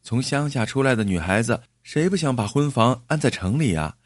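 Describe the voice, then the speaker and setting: A chatty young bride from the countryside, raising her voice higher and brightening as she coaxes, put on by a male storyteller. Her tone is persuasive and friendly, and the sound is close and dry. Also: animated, a little fast, no echo, close to an everyday voice. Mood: cheerful coaxing. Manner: chatty, coaxing. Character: young rural woman, newlywed bride, cheerful and persuasive.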